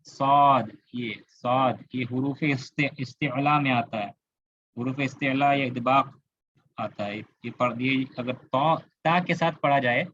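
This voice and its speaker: A man's voice: medium pitch, slow, fairly bright tone, highs cut off, slight background noise. Kolkata-accented man teaching an online class. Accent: Indian, Kolkata. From India. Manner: explanatory, repeats words, asks students questions. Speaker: Arabic grammar teacher. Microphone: computer mic on a video call.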